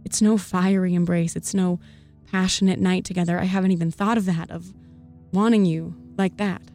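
A woman giving an earnest spoken-word poetry reading in a soft, intimate voice. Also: fairly low pitch, steady tone, normal speed, gravelly. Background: faint background music.

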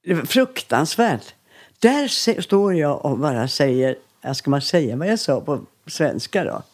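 Husky older woman telling chatty stories. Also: low voice. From Skåne, southern Sweden. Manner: chatty, lively anecdotes, rambles and laughs easily. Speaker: singer being interviewed. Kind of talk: casual storytelling.

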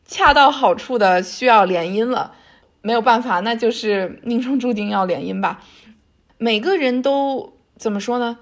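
Woman, higher voice, author guest on an interview; casual storyteller, chatty and colloquial. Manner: chatty, colloquial, often seeking agreement with tag questions. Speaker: author guest discussing their history book.

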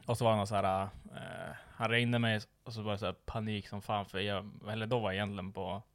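A man's voice: lowish voice, little pitch movement, no room sound. A man telling a work story in casual chat, swearing freely and acting out what people said. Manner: swears a lot, acts out quoted dialogue.

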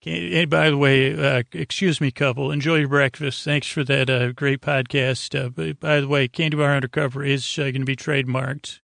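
Here the sleep-podcast host speaks in a mid-range, slightly bright voice, gravelly and creaky with fry, flat in delivery and recorded very dry without echo. His bedtime ramble meanders haltingly, repeating and dropping thoughts midway, with playful, silly detours.

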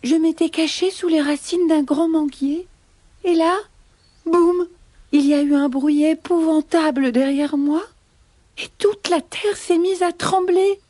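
A woman voicing a frightened little male rabbit who cries out in high, breathless bursts. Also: level tone, slow pace, warm tone, dry recording. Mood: trembling.

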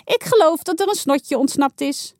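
A woman's voice: high-pitched, normal speed, darkish tone, no room sound, clean studio sound, voice pushed up. Woman voicing a squealing little girl. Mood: giggly. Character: excitable young girl, quick to fuss.

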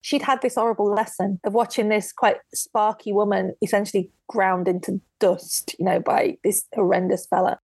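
Woman guest, lively storyteller, close dry mic. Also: medium pitch, moderate pace, hardly any pauses, husky, no room sound. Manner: lively storyteller who acts out quotes. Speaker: guest author and historian. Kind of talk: casual podcast interview.

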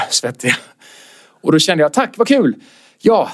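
A man, a comedian, telling an anecdote in casual chat and acting out quotes with sudden high-pitched outbursts. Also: very animated, fairly bright tone. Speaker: comedian guest.

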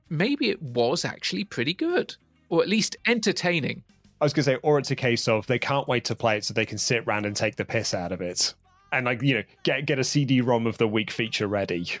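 Co-host, male, deadpan banter, dry close sound. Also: mid-range voice, dry recording. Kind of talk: casual chat.

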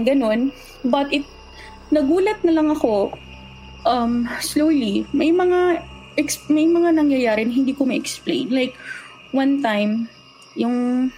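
Animated high-voiced woman from the Philippines. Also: slight background noise, rough recording. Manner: animated, acts out what the children said. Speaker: guest telling a true horror story. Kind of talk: casual storytelling, mixing Tagalog and English.

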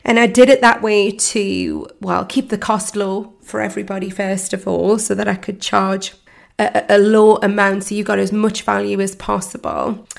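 A British podcast host and mindset coach speaks in a croaky, hoarse voice caused by laryngitis, with gravelly roughness beneath her mid-pitched, level-toned talk. Her casual solo chat is warm, full of ums and restarted sentences.

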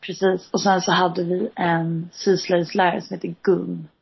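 A woman with a husky voice, reminiscing in casual chat and laughing often. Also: lowish voice, level tone. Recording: slightly dull lo-fi sound.

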